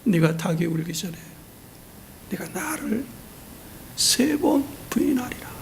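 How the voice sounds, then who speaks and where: A man voicing a solemn male teacher who quietly foretells a betrayal. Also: sits high, normal speed, vocal fry, slight background noise.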